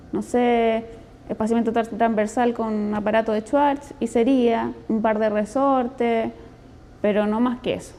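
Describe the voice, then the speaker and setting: A woman's voice: medium pitch, dark tone, a little hiss or hum. A woman dentist from Chile with a Chilean accent, speaking in a testimonial interview in an earnest, explanatory, conversational way.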